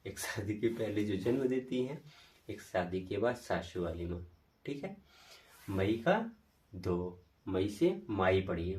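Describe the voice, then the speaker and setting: A man's voice: lowish voice, mellow, far from the mic. A man teaching an exam-prep lesson, repeating memory tricks over and over. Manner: slow, repetitive, drilling memory tricks.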